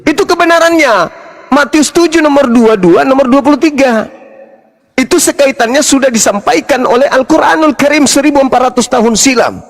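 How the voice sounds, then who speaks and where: A man arguing hard in a religious debate, mocking and shouting his points while fasting. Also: very high-pitched.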